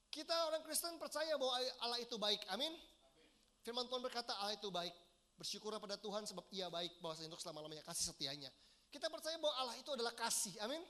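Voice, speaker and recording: A pastor in his thirties preaches earnestly in a large church hall, putting questions directly to the congregation. His voice is very high, pushed and bright.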